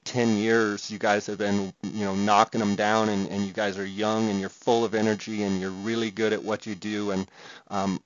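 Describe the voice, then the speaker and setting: Low-voiced man, podcast host, easygoing halting chat, fuzzy distorted bad-connection audio, dull lo-fi sound. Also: clear, resonant tone. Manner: easygoing, halting speech broken by frequent pauses. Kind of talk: casual interview chat.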